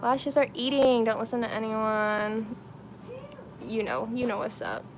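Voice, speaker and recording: On her get-ready-with-me livestream, a 29-year-old beauty and lifestyle streamer talks informally and slangily to viewers. She sounds a little high, unhurried, with fairly even intonation, over poor audio with slight background noise.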